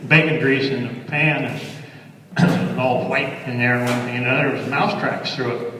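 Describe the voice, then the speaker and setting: A man's voice: mid-range voice, steady tone, normal speed, sharp tone, a little hiss or hum. An older man with a rural Western American accent and a folksy cowboy drawl, telling wry, rambling stories and reciting cowboy poetry to a live gathering. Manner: wry, rambling, colloquial delivery. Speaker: cowboy poet. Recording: echoey hall, voice far from mic.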